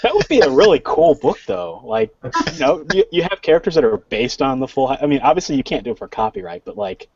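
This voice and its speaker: Gravelly man co-hosting a podcast. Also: on the high side, very animated, quick pace, darkish tone, muffled recording. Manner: repeats words as he starts, reads a bio aloud. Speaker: podcast co-host. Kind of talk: casual panel chat.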